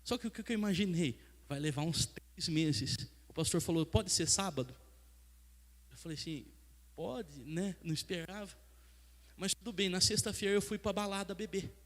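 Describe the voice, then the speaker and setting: A man's voice: sits high, a little fast. A man in his thirties preaching a sermon, telling his own story and acting out the dialogue. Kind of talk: sermon testimony. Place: church sanctuary. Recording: long church reverb.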